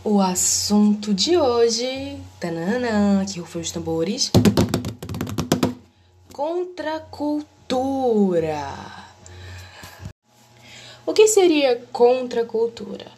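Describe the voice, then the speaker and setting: A woman's voice: fairly high pitch, sing-song, very slow, pauses often. Woman host with clipping, distorted audio. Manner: reads a prepared explanation with small slips and self-corrections. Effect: clipping, distorted blown-out audio. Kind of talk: educational explainer.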